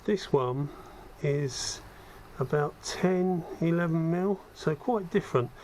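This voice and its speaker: A hobbyist host shows spray gun equipment hands-on, speaking slowly in a slightly high voice made a little croaky by a cold. His manner is casual and conversational, with thinking aloud and self-deprecating asides while he works. The head-mounted action camera also records steady background noise from the workspace.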